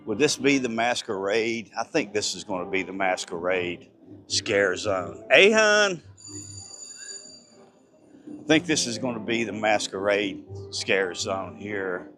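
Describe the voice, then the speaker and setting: A man live-streaming as he walks through an outdoor theme park at night, excited and a little breathless, rambling and chatting with passersby on a handheld phone. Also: lowish voice, unhurried, music in the background. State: slightly breathless. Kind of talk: casual walking live-stream chat.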